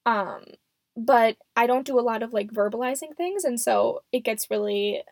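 A woman's voice: fairly high pitch, moderate pace, no room sound. A seventeen-year-old young woman hosting a casual, unscripted solo podcast in a rambling, self-deprecating way, recorded close and muffled in a closet. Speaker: podcast host. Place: small closet at home. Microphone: microphone.

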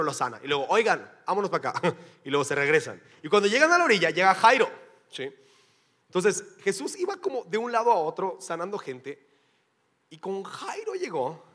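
A man's voice: sits high, pushed and bright. A man with a Mexican Spanish accent preaching a sermon as pastor, in a casual, joking, slangy way. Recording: long hall reverb.

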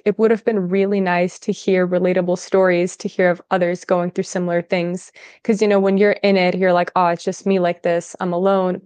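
A business owner born in Russia and raised in California appears as a guest on a casual podcast interview, telling stories in a chatty way with lots of "like." Her mid-range voice is darkish, clear, and resonant, with no echo.

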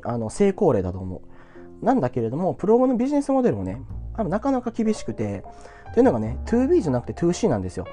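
A man's voice: fairly high pitch, mellow. A man giving blunt, self-assured career advice in a casual solo talk to viewers, chatty and full of little asides.

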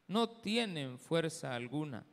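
Slow-preaching man in a reverberant hall. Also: on the high side, very animated. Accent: Salvadoran Spanish. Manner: slow, deliberate preaching with pauses. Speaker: pastor. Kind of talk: sermon with scripture reading and prayer. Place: church sanctuary.

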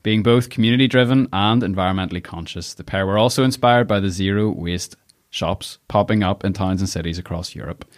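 A man's voice: sits low, fairly quick. A man with a Northern Irish accent hosting a casual interview, chatty and jokey, often laughing. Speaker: podcast host.

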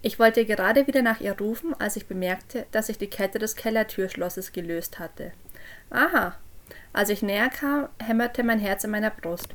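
A woman narrating a creepy first-person story for a podcast, dropping low and quiet on the eerie moments. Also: moderate pace, hardly any pauses. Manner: drops low and quiet on eerie lines, raises voice for called-out quotes. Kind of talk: scripted horror story narration.

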